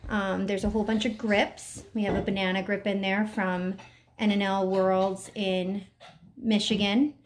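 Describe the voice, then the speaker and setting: Slow-talking mother giving a home tour. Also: mid-range voice, flat delivery, a little hiss or hum. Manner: unhurried, cheerful tour-guide talk. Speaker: parent filming a tour. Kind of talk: casual home video narration. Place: living room at home. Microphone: handheld camera.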